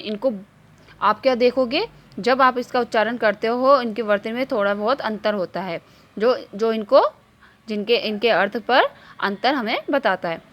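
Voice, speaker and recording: A woman teacher leads an online class in an even, measured way. She reads word pairs slowly and clearly, one by one, and poses questions to the class that she answers herself. Her voice sits a little high. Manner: slow, clear word-by-word reading of lists.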